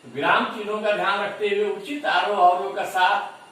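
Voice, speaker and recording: A man giving a classroom lecture to teacher trainees, speaking deliberately and repeating example words to stress them. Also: high voice, flat delivery, pushed and bright. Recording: echoey room, voice far from mic.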